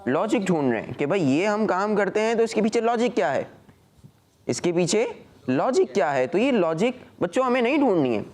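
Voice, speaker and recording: A man's voice: high voice, very animated, a little mellow. A man co-hosting a children's TV show, speaking emphatically to the children and putting questions to them. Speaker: co-host of a children's religious show. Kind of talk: addressing children, studio talk.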